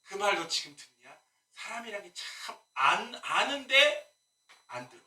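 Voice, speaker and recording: A male pastor delivers a sermon in a high, strikingly bright and forceful voice whose pitch swings widely, with a sing-song, unhurried flow. He keeps tossing rhetorical questions and wry asides to his congregation. The mic is at a distance in an echoey church sanctuary.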